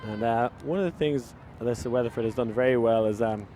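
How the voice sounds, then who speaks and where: Irish guy doing live sports commentary, chatty with lots of ums, gets louder on big plays, faint outdoor noise. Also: fast. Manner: rises in pitch and volume on big plays, chatty with fillers.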